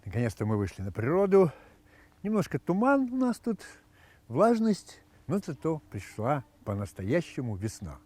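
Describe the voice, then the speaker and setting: Casting: male joke-channel host, highish voice, very lively intonation, casual and expressive. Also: normal speed, no echo. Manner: animated, expressive. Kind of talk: casual joke telling to camera.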